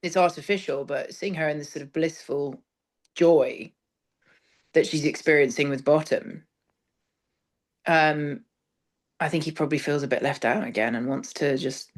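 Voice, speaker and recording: This theatre director has a low-pitched voice, a moderate pace, and frequent pauses. In a relaxed interview about stage work she explains things thoughtfully and discursively, often letting her phrases drift off.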